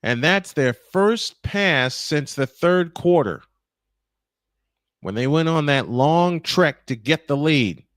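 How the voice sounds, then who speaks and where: Excitable man calling football play-by-play. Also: fairly high pitch, dry recording. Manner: rising excitement on big plays, quick self-corrections. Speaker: play-by-play announcer. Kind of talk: play-by-play commentary.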